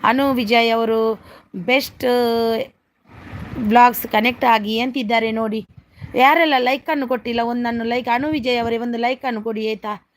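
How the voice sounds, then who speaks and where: Higher-voiced woman hosting a phone live stream. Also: fairly even intonation, normal speed, long pauses. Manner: reads out viewer comments, greets each viewer by name, keeps asking for likes. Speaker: livestream host. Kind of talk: casual live-stream chat.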